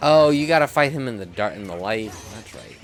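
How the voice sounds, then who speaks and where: A young man gives loose, self-deprecating commentary over a game. His voice is low but moves around a lot in pitch. Faint game music sits in the background. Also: expressive, brisk. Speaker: streamer. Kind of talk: casual gameplay commentary.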